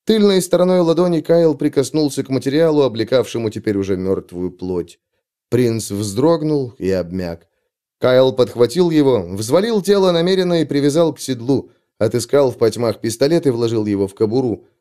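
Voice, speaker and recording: A man reading an adventure story aloud as narrator, in steady, dramatic storytelling. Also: mid-range voice, normal speed. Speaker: audiobook narrator. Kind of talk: scripted narration.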